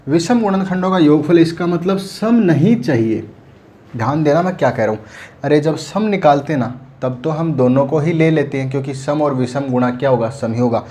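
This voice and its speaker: Speaking at a moderate pace in a warm, fairly high-pitched voice, a man teaches math at a board. He raises questions and answers them himself, frequently urging the class to pay attention with "ध्यान देना".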